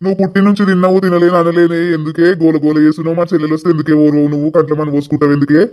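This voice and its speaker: Man doing a fed-up village husband, rattles it off flat. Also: fairly high pitch, very fast, dull audio, natural voice. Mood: exasperated. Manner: scolding, exasperated. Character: exasperated village husband caught between wife and sister.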